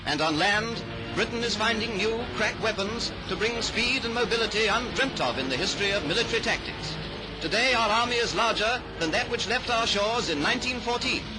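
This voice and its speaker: This old newsreel soundtrack, poor in quality and drowned in loud music, carries a man's high voice. He narrates the 1930s footage with grand, patriotic declamation.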